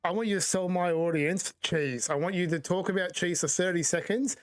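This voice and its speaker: A man's voice: high voice, fairly quick, no echo, clean studio sound. A man hosting a casual online chat show, eager and stumbling over restarts. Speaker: host.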